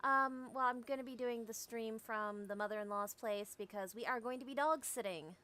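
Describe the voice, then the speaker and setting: A woman's voice: a little high, moderate pace, sharp tone. A woman hosting a tabletop game stream, chatting casually and playfully with her group. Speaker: stream host and player.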